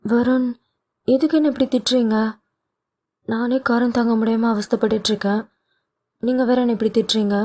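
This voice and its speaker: A young wife from a romance audio story, impulsive and easily stung, who lifts her voice and rushes her words when she pleads, as a woman narrator puts her on. The tone stays dark and mellow under the brighter pitch. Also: steady tone, close to an everyday voice. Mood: pleading. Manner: higher, quick, pleading delivery.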